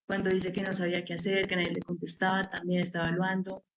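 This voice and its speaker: A woman's voice: on the low side, monotone, fast, slight background noise, low-quality recording. A woman giving an academic seminar presentation, explaining her research step by step with many filler words. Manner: explanatory, walks through steps with frequent "pues" fillers.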